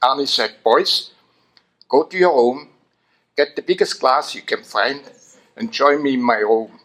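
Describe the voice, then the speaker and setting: A man from Switzerland, telling an animated anecdote at a memorial. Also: mid-range voice, unhurried. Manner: animated anecdote with voiced quotes. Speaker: memorial speaker. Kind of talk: storytelling at a memorial.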